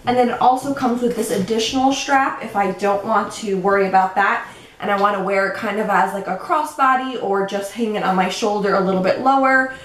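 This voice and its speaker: A woman's voice: medium pitch, fairly bright tone. A young woman vlogging at home, chatty and a little out of breath as she explains things step by step. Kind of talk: casual show-and-tell vlog. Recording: echoey room with faint background noise.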